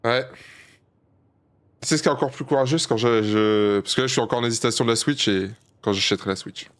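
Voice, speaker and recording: A man streaming a shooter game live, commenting as he plays, swearing often and mocking himself, with sudden high-pitched outbursts between calmer, low muttering. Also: fast talker.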